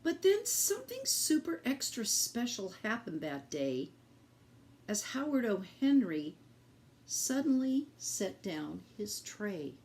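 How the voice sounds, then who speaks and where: In a mid-range voice, a woman reads a picture book aloud to children, addressing her young audience directly. Her delivery is expressive and deliberate, like a teacher's.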